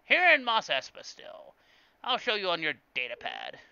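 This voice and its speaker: A man voicing a gruff, greedy male alien junk dealer who talks loud and pushy while he haggles. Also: high-pitched, wildly swooping pitch, moderate pace, no echo, muffled recording, voice pushed up, exaggerated voice.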